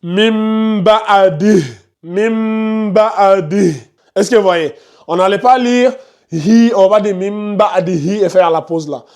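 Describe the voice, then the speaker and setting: A man's voice: high voice, normal speed, darkish tone. Man teaching tajwid in an online class. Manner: repetitive, pointing out details on screen, scolds noisy students. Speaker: Quran recitation teacher.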